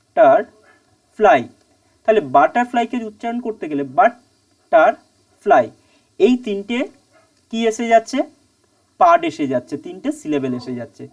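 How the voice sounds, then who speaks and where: A woman teaching an online English grammar lesson, asking and answering her own questions and repeating key words slowly. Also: mid-range voice, darkish tone, recorded from a distance.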